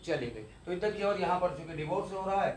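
A man delivers an exam-focused law lecture in a slightly high voice, patiently explaining and repeating key terms. His voice rings in an echoey room. A faint ambient hiss sits underneath. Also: expressive, fast talker. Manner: explanatory, repeats key terms, mixes English legal words.

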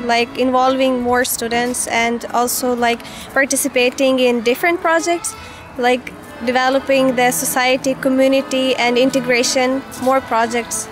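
A woman's voice: high-pitched, little pitch movement, normal speed, music in the background. A woman in her twenties from Ukraine with a Ukrainian accent, a student speaking steadily in an outdoor interview. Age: 20s. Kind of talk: documentary interview. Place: outdoors in a park.

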